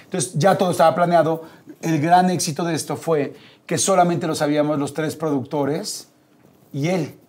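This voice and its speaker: A man's voice: a little high, normal speed. A man with a Mexican accent telling an anecdote as a guest in casual chat, acting out the quotes. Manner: animated, acts out quotes. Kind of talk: casual storytelling.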